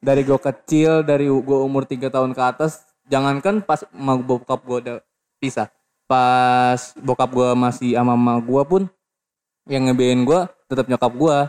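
A man, a podcast guest in casual chat who drops deadpan jokes in slang. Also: mid-range voice, normal speed, clean tone. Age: 20s.

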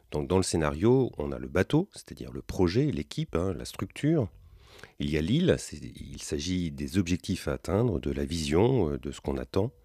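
Deep-voiced man hosting an educational podcast. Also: dry recording, clean studio sound. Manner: calm, measured, addresses listener directly. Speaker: podcast host. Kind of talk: explanatory podcast talk.

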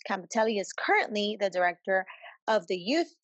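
A woman's voice: medium pitch, very animated, fairly quick, no echo. A woman co-hosting a podcast with casual, slangy, playful banter, sometimes reading aloud. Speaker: podcast co-host.

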